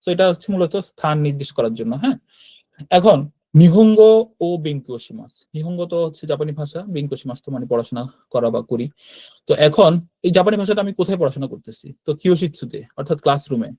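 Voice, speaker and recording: A man teaching a grammar lesson at a brisk clip, talking in a fairly high voice. He explains patiently and keeps checking that his listeners follow. The sound is close and dry, with no room echo. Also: animated, a little mellow. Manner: explanatory, checks understanding with frequent tag questions. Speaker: Japanese language teacher. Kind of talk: classroom-style grammar lesson.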